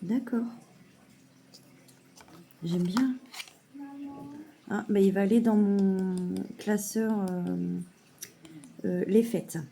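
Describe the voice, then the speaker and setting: A woman showing a parcel in a casual vlog at home, hesitant with many fillers and softly gushing. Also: mid-range voice, fairly even intonation, extremely slow, creaky, pauses often, a little hiss or hum. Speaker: mother unboxing a parcel of saving challenges. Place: at home at a table.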